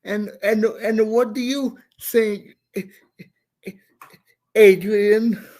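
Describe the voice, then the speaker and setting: Stream host, woman, heavy stutter, unhurried casual chat, even middle pitch. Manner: heavy stutter with many repeated sounds. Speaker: show host. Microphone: video call setup.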